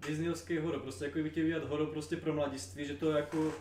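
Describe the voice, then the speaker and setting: A man's voice: on the high side, level tone, a little mellow. A man co-hosting a casual podcast chat, rambling enthusiastically with many fillers. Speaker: podcast co-host. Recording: roomy, distant mic with faint noise.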